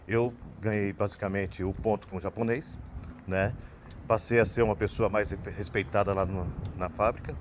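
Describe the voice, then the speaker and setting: A man's voice: on the low side, fairly even intonation, normal speed, background noise. A man from Brazil with a Brazilian Portuguese accent, telling a personal story in a casual, rambling way and ending sentences with "né?". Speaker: vlogger.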